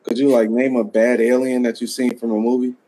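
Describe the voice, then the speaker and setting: A man's voice: medium pitch, little pitch movement, a little fast, dark tone, poor audio. A man co-hosting a podcast, musing in a laid-back, profane casual chat. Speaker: podcast co-host.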